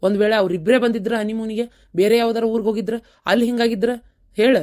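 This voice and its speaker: A woman's voice: a little high, steady tone, fast, darkish tone, natural voice. A woman voicing a stern, scornful elder brother in a cartoon, speaking with a North Karnataka accent and lecturing curtly. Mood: gossiping. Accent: North Karnataka Kannada. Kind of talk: cartoon voice acting.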